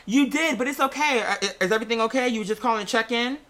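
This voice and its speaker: Here the American content creator talks very fast, her medium-pitched voice fairly bright. She chats candidly and casually, wandering off on tangents and repeating phrases to drive points home.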